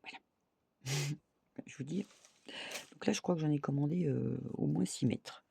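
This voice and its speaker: A woman's voice: low voice, a little slow, creaky, dark tone, breathy edge, no room sound. A woman craft vlogger chatting casually to her viewers, thinking aloud and dotting her talk with little "hop" and "voilà".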